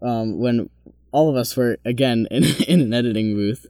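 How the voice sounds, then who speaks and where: A man's voice: mid-range voice, moderate pace, dark tone, no echo, clean studio sound. A man co-hosting a podcast, telling stories in a playful, teasing way and acting out what people said. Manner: playful, teasing, chatty, quotes people in their own voices. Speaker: podcast co-host. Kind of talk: casual chat, telling stories.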